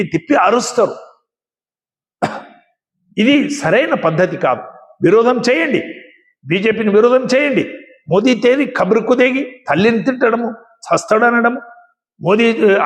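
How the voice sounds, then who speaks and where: A man with a Telangana Telugu accent delivers a scolding political monologue with a high-pitched voice, hammering the same phrases again and again. His voice rings in a long hall reverb, and he coughs now and then between points. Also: fairly bright tone. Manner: emphatic, repetitive, scolding. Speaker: speaker.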